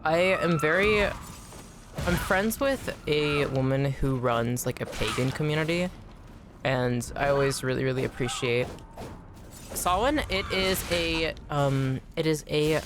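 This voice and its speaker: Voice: mid-range voice, background noise. A game streamer chatting casually while playing, rambling and repeating words for emphasis. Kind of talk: casual chat while gaming.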